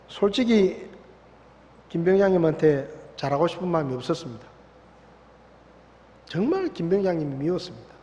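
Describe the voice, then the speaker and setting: A man with a Gyeongsang accent, preaching a sermon as pastor with animated, story-driven delivery. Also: a little high, muffled recording. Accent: Gyeongsang Korean. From Gyeongsang province, South Korea. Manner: animated storytelling, acting out voices. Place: church sanctuary. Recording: long church hall reverb.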